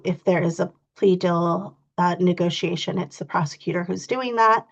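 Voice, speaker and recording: A woman's voice: on the low side, gravelly. A woman teaching an online training session in an informal, explaining way, her voice stuffy and congested, heard over a video call. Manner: informal, explanatory, frequent "you know" fillers. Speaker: victim advocacy trainer. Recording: dull lo-fi video call audio.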